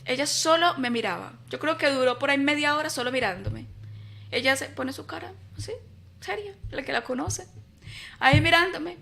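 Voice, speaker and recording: A high-pitched woman with a bright, sharp voice tells her personal testimony as an interview guest. She is an animated storyteller who repeats words for emphasis and acts out what people said to her. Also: normal speed, vocal fry. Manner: acts out remembered dialogue. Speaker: interview guest, host's wife.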